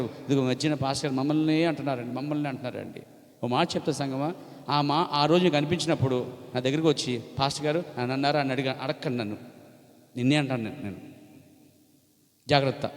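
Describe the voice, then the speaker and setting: A man preaching a sermon as pastor, emphatic and rising to shouts on key phrases. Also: a little high. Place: church hall. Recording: long hall reverb.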